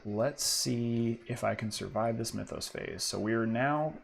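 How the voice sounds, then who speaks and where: A man giving casual, excitable play-by-play of a solo card game, talking his choices through to himself. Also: mid-range voice, unhurried, vocal fry, a little hiss or hum. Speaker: solo board game player and host.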